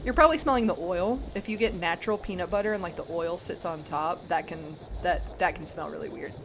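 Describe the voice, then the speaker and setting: A woman's voice: on the low side, fast, background noise. Chatty, giggly young woman streamer. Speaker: game streamer. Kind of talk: casual chat while gaming.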